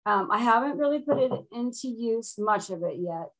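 A woman's voice: fairly high pitch, expressive, moderate pace, poor audio. An older woman from Florida, a student in a witchcraft class, chatting casually and rambling a little on a video call from a room at home. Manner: chatty, self-deprecating, rambling. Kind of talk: casual chat.

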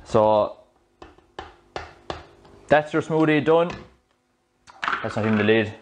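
Irish guy making a smoothie in his kitchen, lapel mic, talks loose and friendly with lots of restarts. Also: mid-range voice, slow, a little hiss or hum. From Ireland. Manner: chatty, explanatory, loose restarts. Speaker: fitness coach. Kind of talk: casual cooking demonstration. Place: home kitchen, indoors. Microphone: small clip-on mic.

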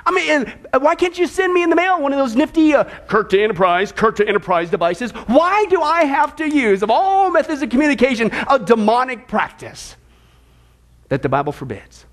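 A male pastor preaching a sermon, emphatic and animated, with rhetorical questions and sarcastic asides. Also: extremely high pitch, normal speed. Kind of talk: sermon on prophecy.

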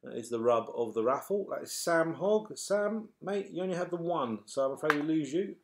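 A middle-aged British man calls raffle balls bingo-style, announcing numbers and names to the players in a chatty, matey way and apologizing to them. His slightly high voice is animated at a moderate pace. The noisy home webcam recording, made indoors in a small furnished room, picks up clatter.

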